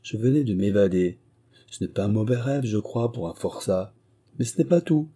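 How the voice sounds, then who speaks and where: A man's voice: on the low side, lively intonation, normal speed, dark tone, husky. A man voicing a boisterous, swaggering male ex-convict in an audiobook reading, speaking in a raised, exclaiming voice.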